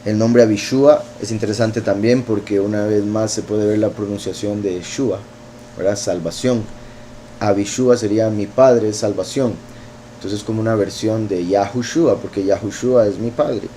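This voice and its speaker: A man, teaching scripture verse by verse in an unhurried way, thinking aloud with fillers and asides. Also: fairly low pitch, fairly even intonation, warm tone, a little hiss or hum. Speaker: bible teacher.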